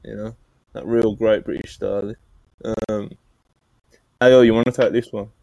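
Low-pitched male podcast host, dry close mic, jokey and relaxed. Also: measured pace, vocal fry, no echo, low-quality recording. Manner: laughing, bantering, reads donor messages aloud. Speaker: podcast host reading super chats. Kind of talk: casual podcast chat.

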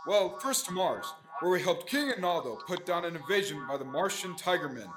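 Over music, a young adult man speaks fairly quickly in a high-pitched, expressive voice. It's 1930s radio serial acting: he voices a keen, adventurous space hero, full of earnest gee-whiz excitement, and comes across as earnest and proud.

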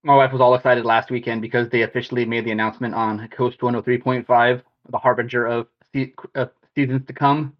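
A man's voice: mid-range voice, flat delivery, brisk, few pauses. Rambling male co-host, dull lo-fi sound. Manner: rambling, slangy. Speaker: podcast co-host. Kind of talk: casual chat.

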